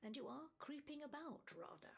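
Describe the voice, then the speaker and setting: A woman's voice: sits high, very animated, moderate pace, creaky, a little hiss or hum, exaggerated voice. An actress playing a wry older woman, lady of a grand house, speaking with dry, genteel teasing. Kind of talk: audio drama acting.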